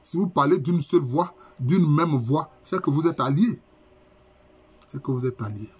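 A middle-aged man, lecturing as a professor and explaining terms slowly with many repetitions. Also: on the high side, lively intonation, husky. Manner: explains terms slowly, repeating key phrases. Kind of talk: university lecture.

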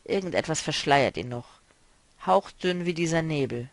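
A man's voice: fairly high pitch, animated, moderate pace, no echo. A man reading a novel aloud, voicing a stern, mocking woman who speaks firmly and decisively. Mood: determined.

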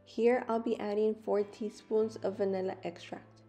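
A woman's voice: mid-range voice, fairly even intonation, moderate pace. A young woman vlogger narrating a recipe voice-over, explaining each step plainly. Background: guitar music.

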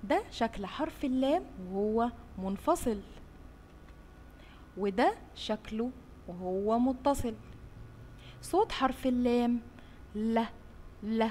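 A woman teaching young children in an Egyptian Arabic accent, slowly sounding out letters and praising them often. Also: fairly high pitch, darkish tone. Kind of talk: slow drawn-out phonics lesson for young children. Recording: roomy with long reverb, faint hiss.

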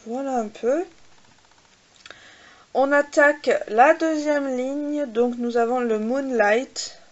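With a voice that sits high and audio that's dull, this woman runs a casual makeup swatch vlog. Her talk is hesitant and full of filler, with "euh" and "voilà" recurring, and she jokes about how she pronounces English.

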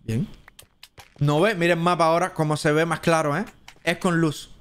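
Chatty Cuban streamer, higher-pitched man. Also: fairly even intonation, normal speed, a bit bright, slight background noise. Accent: Cuban Spanish. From Cuba. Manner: chatty, thinks aloud, jumps into high squeaky voices. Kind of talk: live gameplay commentary.

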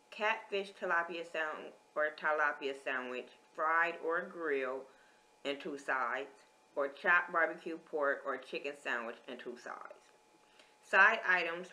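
A woman's voice: low-pitched, bright, forceful tone. A woman vlogger, chatting casually as she lists menu items and reviews food. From American.

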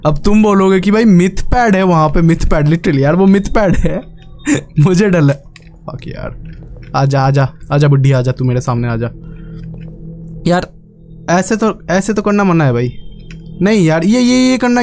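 A man's voice: sits high, darkish tone, slight background noise. A young man giving casual, jokey commentary on a horror game, often pleading with the game. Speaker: gaming YouTuber.

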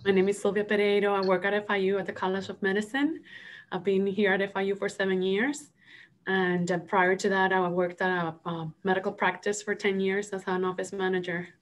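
A woman's voice: mid-range voice, level tone, fairly quick. A woman who works at a university and is starting her master's, politely introducing herself on a video call. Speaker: university staff member and student.

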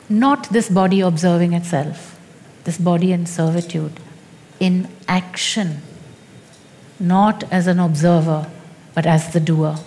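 A woman spiritual teacher speaking in a slow, deliberate and emphatic way in a teaching dialogue. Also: lowish voice, warm tone, long reverb tail.

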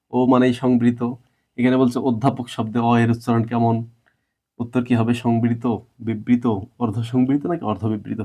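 A man's voice: mid-range voice, a little mellow. A man teaching a grammar lesson, who explains step by step and quizzes his students.

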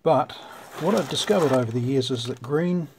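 Thinking out loud at an indoor workbench, a Kiwi vintage radio repairer gives a relaxed, chatty explanation in a medium-pitched, animated voice at normal speed. Clicks and clear background noise run through the recording.

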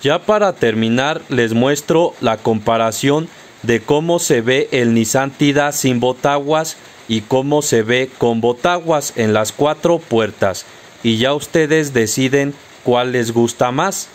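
Slow, patient Mexican man explaining steps. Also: mid-range voice. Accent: Mexican Spanish. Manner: patient, instructs viewers directly. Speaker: car accessory tutorial host. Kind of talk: step-by-step how-to narration.

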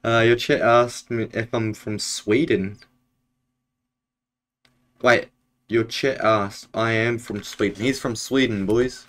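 Slow-talking young New man streaming. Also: fairly low pitch, steady tone, a bit bright. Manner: laid-back, chatty with viewers, lots of fillers. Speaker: Minecraft streamer. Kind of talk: casual live-stream gaming chat. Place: home room, indoors.

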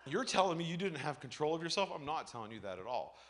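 Male pastor, animated storyteller, bright voice, sermon delivery. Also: fairly high pitch, quick pace. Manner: animated storytelling, acts out voices, shouts and laughs. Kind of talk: lively sermon with personal stories.

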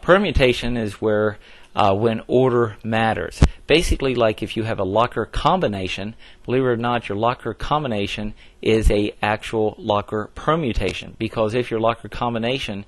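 A man's voice: on the low side, normal speed, slight background noise. A man teaching a recorded math lesson, explaining step by step in a plain way with frequent fillers and restarts. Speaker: math instructor.

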